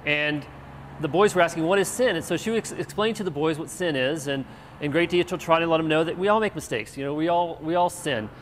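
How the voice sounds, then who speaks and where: A pastor delivers his sermon with animated, emphatic storytelling. His voice sits a little high for a man. A long hall reverb trails behind every phrase. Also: fairly quick, a little hiss or hum. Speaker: pastor and show host. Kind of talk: energetic sermon. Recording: echoey church hall.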